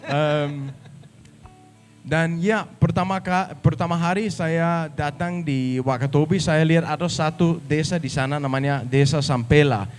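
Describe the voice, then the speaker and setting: Danish-accented man, foreigner speaking Indonesian, slightly high voice, English words mixed in, informal talk to an audience, guitar music behind. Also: measured pace. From Denmark. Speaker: guest speaker, travel YouTuber.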